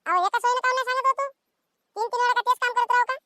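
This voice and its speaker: A woman's voice: extremely high pitch, very fast, sharp tone, no echo. A woman voicing a lazy, cheeky, phone-obsessed village son in a cartoon comedy, whining and talking back. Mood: whiny.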